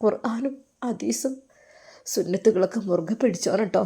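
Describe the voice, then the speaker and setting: A woman voicing an affectionate older male religious teacher who speaks with a Malappuram Malayalam accent and gives quiet, fatherly advice. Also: on the high side, expressive, normal speed, close to an everyday voice. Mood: tender.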